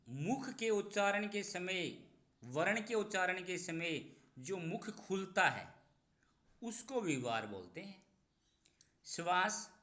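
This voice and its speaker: A man teaching a Sanskrit exam-prep lesson, explaining slowly and repeating key terms with stress. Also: a little high, pushed and bright. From Rajasthan, India.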